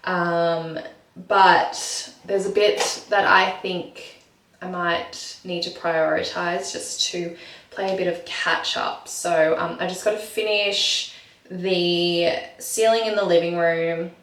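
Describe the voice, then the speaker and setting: A woman's voice: on the low side, steady tone, slow pace, fairly bright tone, far from the mic. A woman, chatting casually to camera in her bathroom, full of ums and likes. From Australia. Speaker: vlogger. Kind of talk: casual vlog chat. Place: home bathroom. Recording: echoey room, voice from off-mic.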